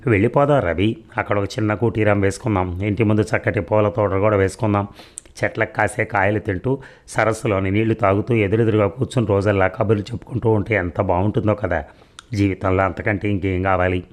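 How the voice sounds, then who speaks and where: Guy reading as a young woman in love, pleading and dreamy, deep plain voice, audio story. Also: steady tone, fairly quick, close to an everyday voice.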